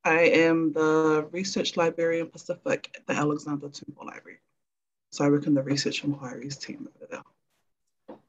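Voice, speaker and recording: A young woman giving a semi-formal, halting introduction from notes on a video call. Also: sits low, level tone, lo-fi sound. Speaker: research librarian introducing a guest.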